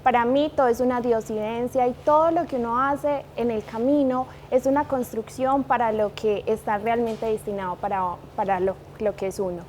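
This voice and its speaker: Colombian woman in her thirties, interview guest, fairly high voice, light hiss behind. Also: fairly even intonation, moderate pace, few pauses, darkish tone. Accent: Colombian, from Manizales. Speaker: guest, liquor brand manager. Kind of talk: interview conversation.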